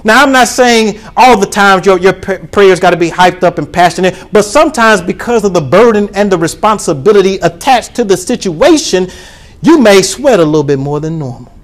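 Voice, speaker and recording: A pastor preaching a sermon to his congregation, calling for responses and rising to shouts. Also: sits high, expressive, a little fast.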